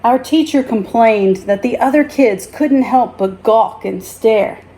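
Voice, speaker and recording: A teacher reads a children's story aloud, deliberate and expressive in her storytelling. Her voice is a little high.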